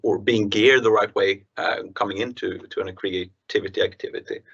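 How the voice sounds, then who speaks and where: Gravelly man on a video call. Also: fairly low pitch, steady tone, fairly bright tone, dull audio. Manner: halting, repeats words while thinking. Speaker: panel guest. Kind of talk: casual panel discussion.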